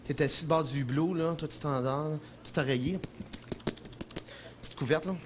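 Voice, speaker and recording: A man with a Quebec French accent doing an animated stand-up comedy monologue in a television studio, breaking into impressions. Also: fairly high pitch, moderate pace, noisy background. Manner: animated, jumps into shouted impressions, chuckles at own jokes.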